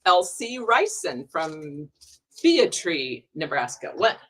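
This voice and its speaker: A woman's voice: deep voice, big pitch swings, slow, heavy background noise. A woman hosting a live prize drawing in a casual, chatty way, laughing often and stumbling over names. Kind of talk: casual live-stream chat.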